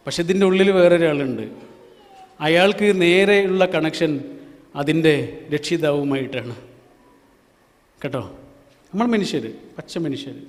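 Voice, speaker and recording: A man preaching an Islamic sermon, asking rhetorical questions, chanting verses slowly, and swinging from loud to hushed. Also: on the high side. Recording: long hall reverb.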